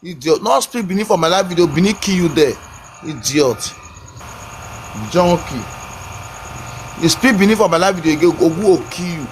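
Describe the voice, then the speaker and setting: A man's voice: high voice, lively intonation, normal speed, long pauses, a little hiss or hum. A man hosting a live stream in Nigerian Pidgin, mocking and insulting his callers between thanks for gifts. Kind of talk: livestream banter.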